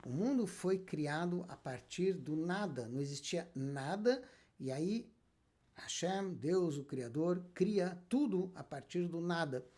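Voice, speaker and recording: Male rabbi, husky lively delivery, lectures with rhetorical questions. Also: on the high side, slow pace. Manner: emphatic, asks and answers his own questions. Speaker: rabbi teaching Kabbalah. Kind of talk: spoken lecture.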